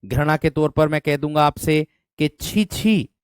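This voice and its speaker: A man's voice: fairly high pitch, completely flat delivery, moderate pace, clear, resonant tone, dry recording. A male teacher running an online exam-prep class, calling students "my friend" and repeating questions to drill them. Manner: addresses students as "my friend", asks for thumbs up.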